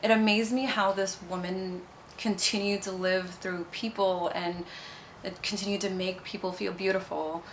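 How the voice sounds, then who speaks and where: The audio is poor, with slight background noise, as a young Nepali cosmetics founder is interviewed. She speaks at normal speed in a mid-range voice with flat delivery, yet her answers are bubbly and chatty, full of "you know."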